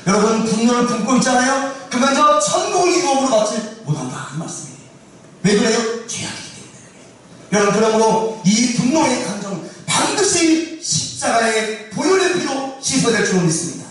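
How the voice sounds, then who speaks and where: A man's voice: extremely high pitch, big pitch swings, brisk, a bit bright. A male pastor preaching a sermon and often putting questions to his congregation. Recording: echoey church hall, distant mic.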